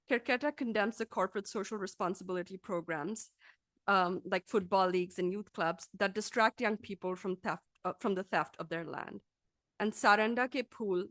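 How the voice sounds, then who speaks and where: A woman lecturer reads a scripted academic talk in a formal, measured, articulate way. Her mid-range voice has a fairly bright tone, and there's no room sound.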